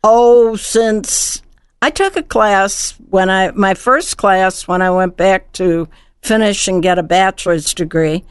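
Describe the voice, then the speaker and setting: A woman's voice: medium pitch, slow, smooth, dry recording, clean studio sound. An older woman answering questions conversationally as a guest on a radio show. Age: older, over 55.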